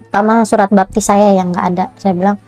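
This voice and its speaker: A woman's voice: mid-range voice, fast talker, soft background music. A woman giving an emotional personal testimony, acting out the dialogue of others as she tells her story. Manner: animated retelling with acted dialogue.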